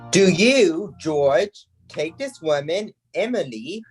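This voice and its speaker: Brief: young woman as solemn minister, slow husky delivery. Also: lowish voice, lively intonation, faint music behind, full character voice. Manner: solemn, measured. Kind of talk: amateur play reading.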